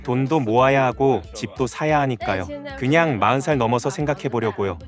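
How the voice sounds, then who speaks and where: A man's voice: medium pitch, fairly quick. Blunt young man, music behind. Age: 20s. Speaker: interviewee.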